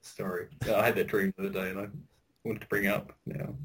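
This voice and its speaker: A man's voice: low voice, level tone, fast talker, a bit bright. A man co-hosting a podcast in casual banter, laughing often and repeating himself as he argues. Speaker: podcast co-host.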